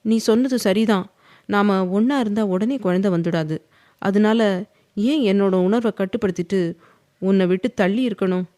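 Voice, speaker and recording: A woman's voice: mid-range voice, moderate pace, warm tone, natural voice. A woman voicing a stern, teasing, possessive young husband in an audio novel, reading his lines firmly. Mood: firm, tender.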